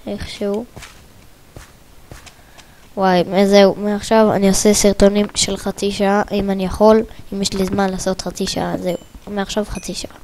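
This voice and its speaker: A woman giving let's play commentary on her own gameplay, muttering quietly to herself and then breaking into excited bursts of repeated exclamations. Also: mid-range voice, a little hiss or hum. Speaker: gaming video creator.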